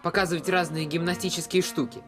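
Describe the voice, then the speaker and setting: A woman playing a lively, playful boy calling out to his playmates in a radio drama. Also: lowish voice, quick pace, over music, natural voice.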